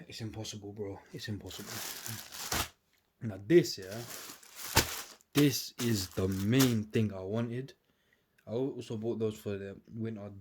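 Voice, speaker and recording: With a fairly low voice, a measured pace and frequent pauses, a man from the United Kingdom vlogs to a camera on a tripod, sniffling from a cold as he unboxes clothes at home. His chat is laid-back and slangy, and background noise comes through clearly.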